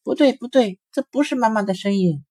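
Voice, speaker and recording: A man voicing a group of excited little rabbit children in a storybook reading. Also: a little fast, dry recording, studio quality. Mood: defiant. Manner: squeaky high chorus-like exclamations.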